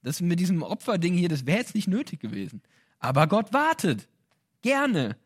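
A man giving a sermon in a casual, colloquial way, acting out quotes with lively storytelling and light laughs. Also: sits high, moderate pace, husky. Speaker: preacher.

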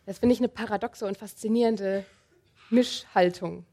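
A woman preaching a sermon, speaking calmly and earnestly and addressing the listener directly. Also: medium pitch, moderate pace. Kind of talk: sermon with Bible reading.

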